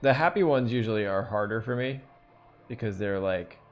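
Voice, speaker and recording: Male streamer, lowish voice, rambling drawing tips with fillers, quiet music bed. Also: moderate pace. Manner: rambling, thinks aloud with fillers. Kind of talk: casual live-stream drawing lesson.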